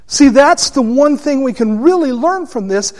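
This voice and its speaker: A man teaching a Bible study class, deliberate and asking his listeners questions. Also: very high-pitched, expressive, a little mellow.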